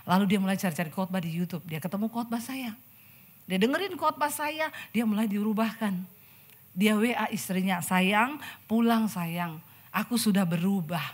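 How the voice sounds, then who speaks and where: A woman pastor with an Indonesian accent preaching a lively sermon to a church congregation, acting out the people in her stories with chatty asides. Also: mid-range voice, fairly quick, breathy edge. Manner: animated, acts out quoted people, chatty asides. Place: church service in front of a congregation.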